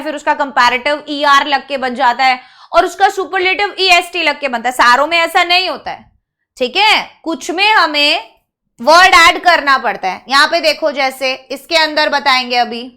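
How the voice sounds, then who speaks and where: Woman teacher, high bright voice, grammar class, slow drilling of word forms. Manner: drills words slowly, one by one; mixes Hindi explanation with English terms. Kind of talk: online English grammar lesson.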